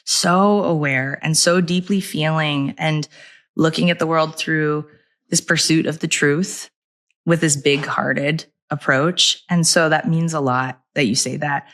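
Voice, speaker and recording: A woman's voice: deep voice, fairly even intonation, unhurried, a bit bright. A woman, hosting a heartfelt conversational chat, reflective and full of casual fillers. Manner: reflective, uses many fillers like "like" and "you know". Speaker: podcast host and company founder.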